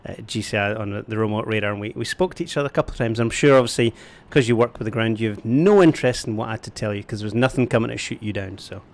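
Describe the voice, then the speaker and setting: A man's voice: lowish voice, very fast, hardly any pauses. A Scottish man hosting a live stream, asking questions casually and laughing along. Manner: easygoing, laughs often, short agreeing replies. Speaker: stream host. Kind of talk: casual interview chat.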